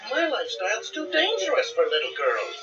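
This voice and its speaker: A self-important cartoon duck superhero for a storybook recording. The delivery is grand and theatrical, swinging widely in pitch. It sounds dulled, with music playing clearly behind. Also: male voice, huge pitch swings, a little fast, distant mic, dull audio. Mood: confident. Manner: pompous, theatrical. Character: pompous cartoon duck superhero, bold adoptive dad. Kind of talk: cartoon audio storybook acting.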